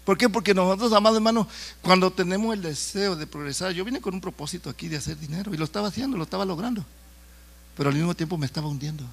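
A man's voice: sits high, fast talker, vocal fry. A middle-aged man preaching a sermon, talking to the congregation in a conversational way with stories and jokes.

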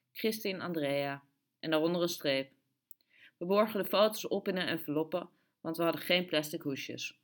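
A woman reading a story aloud in steady, measured narration. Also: deep voice. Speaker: audiobook reader. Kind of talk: scripted narration.

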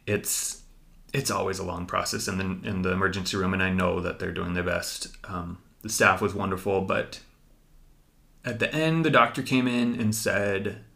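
A man's voice: sits low, steady tone, moderate pace, creaky, pushed and bright. A young man hosting a podcast, earnestly telling a personal story to his wife, reflective and full of fillers. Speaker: podcast host.

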